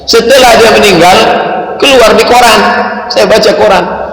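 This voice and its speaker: A middle-aged man preaching a question-and-answer sermon, animated and joking, sometimes stopping to demonstrate recitation aloud. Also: high voice, normal speed. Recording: echoey hall with long reverb.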